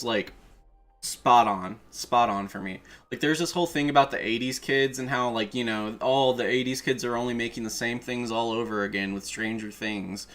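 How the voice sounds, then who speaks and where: A streamer and video creator chats on a livestream in a relaxed way, his medium-pitched voice fairly bright. He sounds like a devoted fan and lets a swear word slip now and then, while music plays in the background.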